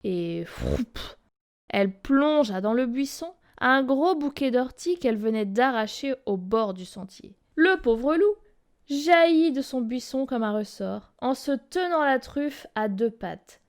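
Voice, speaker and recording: A woman reading a children's story aloud, in a lively, expressive way. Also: sits high, takes it slowly.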